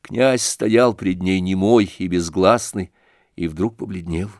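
Мужчина читает классический роман. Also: male voice, low-pitched, no room sound, clean studio sound. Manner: measured, expressive literary reading. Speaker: audiobook narrator. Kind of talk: scripted narration of a classic novel.

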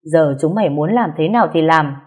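A woman voicing an angry, stern middle-aged father who shouts and scolds. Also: deep voice, expressive, brisk, slightly rough. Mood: furious scolding.

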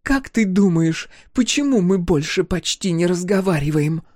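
A woman's voice: fairly low pitch, animated, normal speed, a little mellow, no echo, studio quality, voice pushed up. A man voicing a fierce, bitter young woman scientist whose voice breaks in anger. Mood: accusing. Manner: cutting, angry, voice breaking.

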